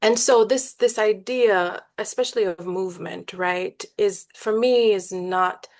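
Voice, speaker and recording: A woman's voice: medium pitch, a little slow, a little mellow. A woman from Jamaica, speaking earnestly on a panel and tagging points with "right?". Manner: earnest, emphatic, frequent "right?". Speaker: poet and professor on a panel. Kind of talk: panel discussion.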